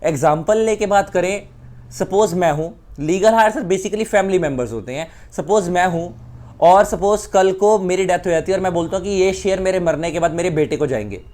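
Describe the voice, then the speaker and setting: एक भारतीय पुरुष शिक्षक, जो हिंदी और अंग्रेज़ी मिलाकर उदाहरणों के साथ कानून समझाता है।. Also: male voice, high voice, normal speed, darkish tone. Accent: Indian. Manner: explains with repeated examples, mixing Hindi and English. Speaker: law teacher. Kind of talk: explanatory lecture.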